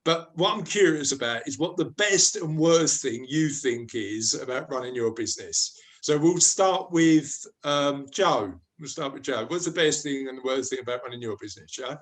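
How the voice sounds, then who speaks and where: A man's voice: medium pitch, lively intonation, moderate pace, few pauses. A man hosting a casual group discussion, asking questions in a matey, conversational way. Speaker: host of a business discussion group. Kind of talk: casual chat, interviewing.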